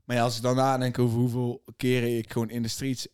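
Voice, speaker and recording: A man's voice: mid-range voice, monotone, fast, background noise. A young man co-hosting a podcast, talking in a laid-back, slangy way with lots of fillers. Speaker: podcast co-host. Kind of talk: casual chat.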